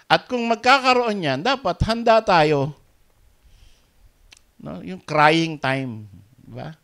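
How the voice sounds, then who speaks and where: A man with a Filipino accent preaching a sermon as pastor, mixing Tagalog and English, dropping to soft asides and rising to loud emphatic peaks. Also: a little high, slow pace, vocal fry, clean tone.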